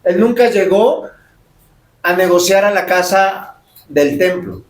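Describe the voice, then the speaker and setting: A man's voice: high-pitched, takes it slowly. A man preaching a sermon as pastor, emphatic and full of rhetorical questions. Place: church sanctuary. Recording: roomy church echo.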